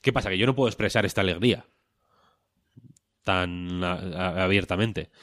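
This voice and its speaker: A man in his thirties, speaking in casual podcast chat. His voice sits low and he rambles, mocks himself and swears freely. The sound is dry and close. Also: normal speed, a bit bright, no echo.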